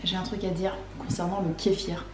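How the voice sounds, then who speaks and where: A woman's voice: lowish voice, level tone, fairly quick, a little mellow, slight background noise. A woman co-hosting a vlog, chatting casually and explaining things in short conversational bursts. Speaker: vlog co-host. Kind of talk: casual chat. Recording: roomy, echoey indoor sound.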